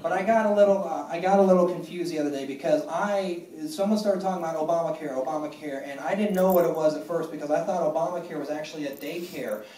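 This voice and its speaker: Halting deadpan stand-up comedian. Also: male voice, a little high, a little hiss or hum. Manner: deadpan, self-deprecating, halting with many fillers. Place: comedy club stage. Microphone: phone recording from the audience. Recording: echoey room, mic far from stage.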